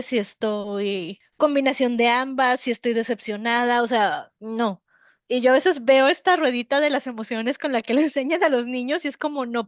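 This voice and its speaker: A woman's voice: a little high, no room sound, lo-fi sound. A woman, co-hosting a podcast in casual chat. She talks candidly, laughs often and acts out her own inner voice. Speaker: podcast co-host.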